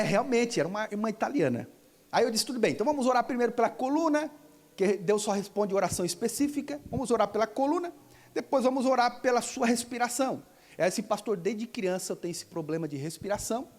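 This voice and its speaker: A man preaching a sermon in a church, telling a testimony and acting out the dialogue, rising into shouts of praise. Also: high voice, big-room sound. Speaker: pastor.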